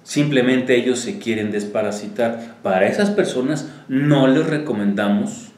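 A man's voice: medium pitch, moderate pace, a little mellow, reverberant. A man co-hosting a health talk show, reading out a listener's question and running through what a product contains. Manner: explains a product by listing its contents. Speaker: co-host.

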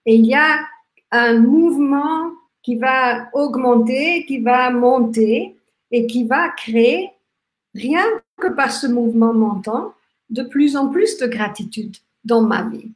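An Austrian workshop host in her fifties, a native German speaker, gives a live online talk on gratitude over webcam from a small, echoey room. Her voice is somewhat high, and she speaks slowly, gently, and reflectively. She halts with many restarts and fillers while gesturing lively with her hands.

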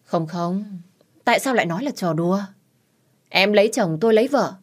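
A woman's voice: mid-range voice, expressive, normal speed, voice pushed up, natural voice. A woman voicing a smug young man who teases in an offhand, mocking way.

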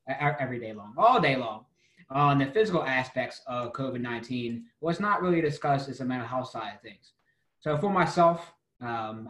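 A man's voice: mid-range voice, a bit bright, echoey room. A man hosting and moderating a panel discussion over a video call, in a friendly, conversational way. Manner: upbeat, conversational. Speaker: webinar host.

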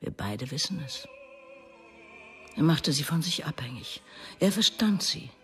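Faint strains of soft music sit behind an actress delivering a sorrowful radio drama monologue as a wounded, bitter middle-aged mother. She talks about her estranged son in a low, expressive voice, a little slow, alternating between quiet and forceful delivery in this intense piece.

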